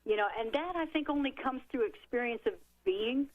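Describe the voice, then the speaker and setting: Brief: a middle-aged woman author, guest on a talk show, an animated storyteller who acts out her quotes. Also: fairly high pitch, fairly quick, narrow, tinny audio. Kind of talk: storytelling in a talk radio interview.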